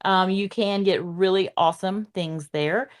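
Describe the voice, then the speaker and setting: A woman's voice: mid-range voice, measured pace. A woman with a thick Southern US accent chatting casually as a panelist. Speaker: panelist in a theme park draft game. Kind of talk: casual chat.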